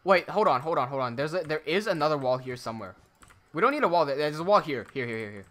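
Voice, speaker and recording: A young Filipino man with an American-sounding accent chats while building on a livestream, his voice fairly high, fast and lively in intonation. He's laid-back and rambling, swears, and laughs often.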